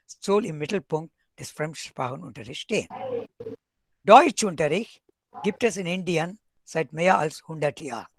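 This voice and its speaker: The speaker is a professor from South India lecturing at a webinar, a Tamil native with an Indian accent who mixes German and English and offers dry, wry asides. His voice is high. The recording is dry.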